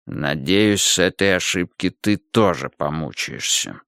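A man voicing a chocolate ogre monster who speaks slowly and threateningly, in a storybook reading. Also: animated, gravelly, fairly bright tone, no echo, studio quality, heavily acted. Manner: slow, low and threatening.

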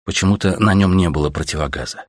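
A man's voice: deep voice, fast talker, no room sound, clean studio sound. A man narrating an audiobook in terse, clipped sentences.

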